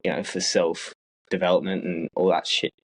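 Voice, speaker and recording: A young man talks in an easygoing, reflective way, with a low voice and a husky edge. He swears offhandedly, like casual talk between friends. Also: level tone, moderate pace. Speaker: podcast co-host. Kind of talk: casual chat.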